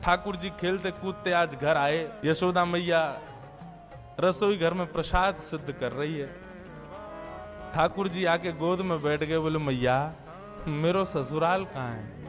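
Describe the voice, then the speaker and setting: A male preacher tells a devotional story in a high voice. He narrates in a lively way and acts out the characters. Faint music plays behind him. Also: measured pace.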